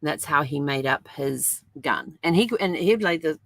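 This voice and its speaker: Woman host, deep with some vocal fry, rambling casual storyteller. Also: expressive, moderate pace, no echo. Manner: rambling, chatty storytelling with many fillers. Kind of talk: casual chat.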